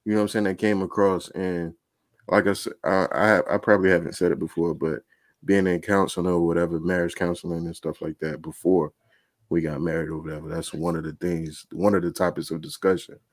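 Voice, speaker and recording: A man's voice: sits low, level tone, fairly quick, dry recording. A man in casual podcast chat, talking loosely and often saying "you know what I'm saying". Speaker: podcast guest.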